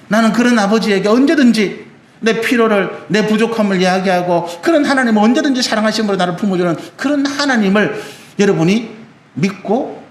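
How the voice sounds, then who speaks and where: A man's voice: high-pitched, reverberant. A male pastor preaching a sermon, addressing the congregation directly and acting out God's words. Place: church sanctuary.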